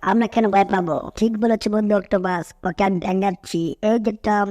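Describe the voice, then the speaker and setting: A woman's voice: mid-range voice, steady tone, brisk, darkish tone, no echo, studio quality, close to an everyday voice. Cartoon dub: a sly, teasing mouse, played by a woman in her ordinary mid-range voice. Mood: cheeky. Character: Jerry, a cheeky, scheming cartoon mouse.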